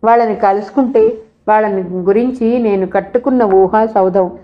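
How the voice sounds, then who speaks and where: A woman's voice: mid-range voice, steady tone, moderate pace, highs cut off, lightly acted. A woman voicing a playful young female college student who teases her friend in a coaxing way. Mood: teasing. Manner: teasing, coaxing.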